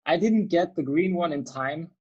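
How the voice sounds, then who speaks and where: A man's voice: a little high, moderate pace, a little mellow, husky, muffled recording. A man from Austria, hosting a casual video chat in an easygoing, agreeable way. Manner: easygoing, agreeable, many short yeahs. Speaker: host. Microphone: video call mic.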